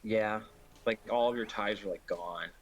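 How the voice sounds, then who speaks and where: A man's voice: fairly low pitch, moderate pace, muffled recording. A man streaming a speedrun, chatting loosely with friends and swearing a lot as he muses. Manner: loose, profane, musing. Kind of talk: casual chat.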